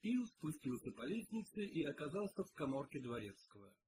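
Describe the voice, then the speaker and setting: A man narrating an audiobook in an expressive storytelling manner. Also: on the high side, a little fast, noisy background. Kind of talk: audiobook reading.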